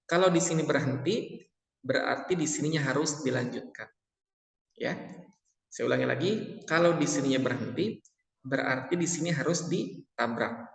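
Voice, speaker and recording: A man teaching tajwid in a patient lesson, repeating each point and chanting the verses slowly. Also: mid-range voice, creaky. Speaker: Quran recitation teacher. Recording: echoey room with long reverb.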